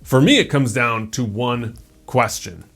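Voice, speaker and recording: A man's voice: mid-range voice, measured pace, gravelly, fairly bright tone. A man in his thirties giving a casual, conversational motivational talk as a self-improvement YouTuber, peppering his speech with "like" and "right?".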